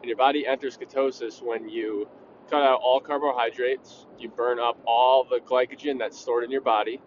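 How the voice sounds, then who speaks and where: A man's voice: mid-range voice, fairly even intonation, moderate pace, slight background noise. Young guy doing a solo podcast, blunt and opinionated, kinda muffled audio. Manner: blunt, opinionated, swears casually. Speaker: podcast host. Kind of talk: casual solo podcast talk.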